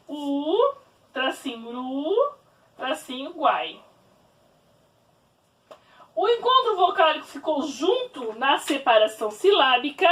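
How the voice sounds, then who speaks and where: A woman teacher giving a grammar lesson, spelling words out slowly and patiently. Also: high-pitched, fairly bright tone, far from the mic. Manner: slow, spelled-out explaining.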